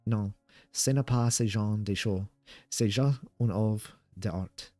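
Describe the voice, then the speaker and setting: A man's voice: fairly low pitch, slow pace, mellow, dry recording. A man voicing an uneasy male go-between who translates in French, reasoning and placating, in a horror story.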